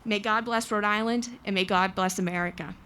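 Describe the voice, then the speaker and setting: A woman's voice: medium pitch, fairly even intonation, a little fast, bright, forceful tone, a little hiss or hum. A woman delivering a prepared protest speech at a rally, earnest and emphatic. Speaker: small business owner speaking at a rally. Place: outdoors in front of a government building.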